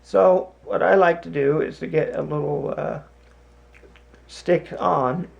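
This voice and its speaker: A man giving a casual hands-on demonstration in a deliberate, halting way, with broken phrasing. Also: on the high side, fairly even intonation, highs cut off. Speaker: host demonstrating a hobby. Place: home basement, indoors. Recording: clear background noise, room ambience.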